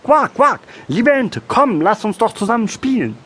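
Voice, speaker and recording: Storybook frog: small, lonely, eager, voiced by a man — high, squeaky, lively. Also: normal speed, slightly rough, exaggerated voice. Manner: high squeaky excited calling. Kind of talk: children's audiobook reading.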